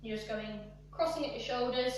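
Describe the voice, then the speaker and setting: High-voiced young woman teaching dance in an echoey room. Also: fairly quick, distant mic, slight background noise. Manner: talks through moves, counting and singing along to the music. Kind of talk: live online dance lesson. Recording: echoey room, voice away from the mic.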